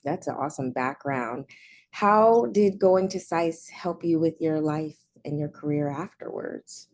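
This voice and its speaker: Woman, interviewer, low voice, mellow tone, friendly questions. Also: a little slow.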